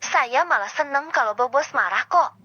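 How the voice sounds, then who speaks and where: A woman doing a calm, clever young office boy. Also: high-pitched, normal speed. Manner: polite, patient explaining. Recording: dull lo-fi with guitar music.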